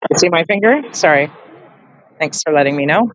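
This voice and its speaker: A woman's voice: low voice, animated, brisk, no room sound, muffled recording. A woman hosting a casual live stream from an outdoor protest, chatting with lots of fillers and laughs. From Canada. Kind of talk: casual street interviewing.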